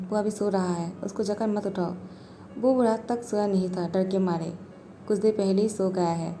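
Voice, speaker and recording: A woman's voice: mid-range voice, dark tone, a little hiss or hum. A woman narrating a fan story and voicing every character herself with little change.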